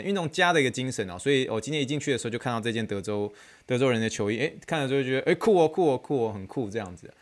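A young man, a physical therapy intern hosting his podcast and telling a story in a lively, excitable way with many fillers. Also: medium pitch. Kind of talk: casual solo storytelling.

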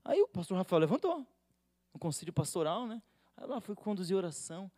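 Brazilian male pastor, high voice, dry close sound, joking sermon delivery. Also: sing-song, a little fast, darkish tone, no echo. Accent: Brazilian Portuguese. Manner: humorous and teasing, acting out quoted voices.

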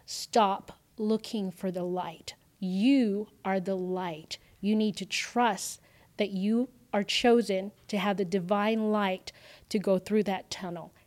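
A woman in whispered role-play, voicing a kind, gentle gray-haired woman in a slow, breathy whisper. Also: medium pitch, fairly even intonation, lightly acted. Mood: reassuring.

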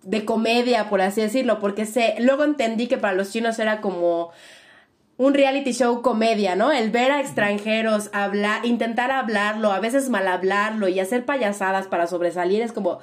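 A young Mexican woman with a Mexican accent is a guest in a casual interview, speaking at a moderate pace in a slightly high voice. She tells her story animatedly and reflectively, relying on fillers.

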